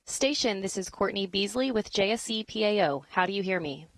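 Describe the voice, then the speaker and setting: An American woman moderates a press briefing in a polished, official style. Her mid-pitched voice is recorded dry, with scripted announcements delivered cleanly. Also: expressive, a little fast, no room sound. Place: space center briefing room, dry close sound.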